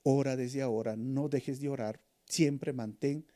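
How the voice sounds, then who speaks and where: A man with a Peruvian Spanish accent preaching a sermon as pastor, rising in emphasis and then dropping to hushed, earnest tones. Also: mid-range voice, fairly even intonation, unhurried.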